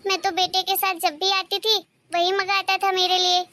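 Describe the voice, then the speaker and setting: A woman's voice: very high voice, little pitch movement, normal speed, bright, forceful tone, slight background noise. A woman voicing a middle-aged mother-in-law who talks in a homely, affectionate, talkative way in a cartoon story.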